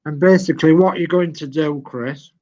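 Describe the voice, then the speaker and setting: A man's voice: a little high, a little mellow, lo-fi sound. An older man with a Yorkshire accent, patiently talking through model-building steps and reading instructions aloud on a video call. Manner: slow, patient, reads instructions aloud step by step.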